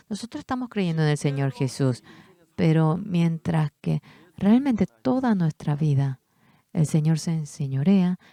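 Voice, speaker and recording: A man preaching a sermon, reading scripture aloud and pushing his voice up high for emphasis. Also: warm tone. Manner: preaches with sudden high-pitched emphatic bursts.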